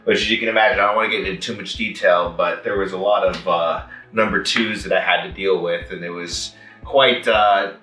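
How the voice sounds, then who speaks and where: A man from Mexico giving a rambling, excited testimonial with lots of fillers. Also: low-pitched, fairly quick, echoey room, recorded from a distance, soft background music, poor audio. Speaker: customer testimonial. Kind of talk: casual testimonial.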